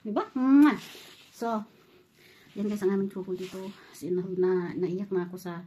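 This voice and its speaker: A woman's voice: medium pitch, steady tone, normal speed, warm tone. Tearful mother soothing her baby. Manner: soothing, pleading, tearful at times, praying under her breath. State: emotional, near tears. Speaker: mother of a premature baby, vlogger. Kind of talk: casual vlog talk while caring for a baby. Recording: noisy home phone recording.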